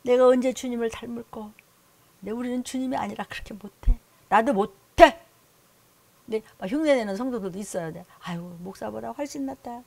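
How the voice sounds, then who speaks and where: A woman's voice: on the high side, a little fast, creaky, darkish tone, no room sound. A middle-aged woman pastor preaching a sermon, emphatic, often acting out scolding voices and inner thoughts.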